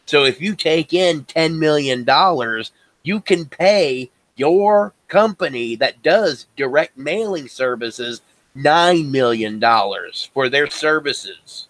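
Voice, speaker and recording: A man's voice: on the high side, lively intonation, slow, a bit bright, no room sound, poor audio. Man rambling on a podcast. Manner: rambling, explains at length. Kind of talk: casual podcast chat.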